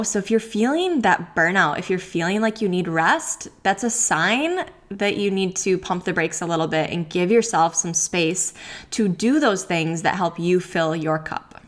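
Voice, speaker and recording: A pregnant woman in her thirties hosting a solo podcast Q&A, talking candidly with many likes and ums and frequent laughs. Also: on the low side. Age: 30s. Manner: laughs often while talking. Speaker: podcast host.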